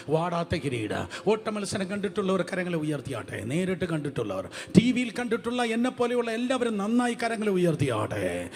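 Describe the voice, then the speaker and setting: A man preaching a sermon to a congregation, fervent and repetitive, calling out to the listeners and shouting at the peaks. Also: high-pitched. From India.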